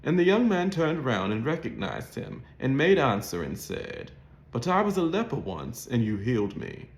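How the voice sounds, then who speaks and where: A man's voice: medium pitch, very animated, normal speed. A man with a modern Mid-Atlantic accent, reading in a formal, carefully enunciated, scripted literary style. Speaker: host of an accent practice channel. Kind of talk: scripted read-aloud of a literary short story. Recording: roomy, echoing sound.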